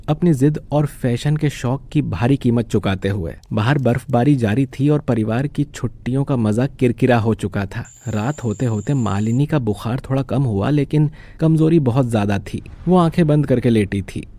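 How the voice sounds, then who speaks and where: A man narrating a cartoon story in a calm, even storytelling manner. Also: mid-range voice, normal speed.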